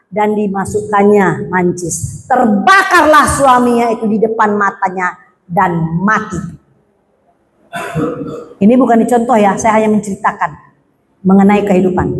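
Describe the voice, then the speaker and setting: A woman preacher, telling a prison ministry story as a sermon and acting out the dialogue, her voice moving between hushed and raised. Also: mid-range voice, big-room sound, low-quality recording.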